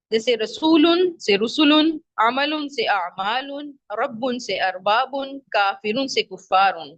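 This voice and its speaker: A woman teaching an online Arabic grammar lesson, patiently repeating each example word slowly. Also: on the high side, a bit bright, no echo.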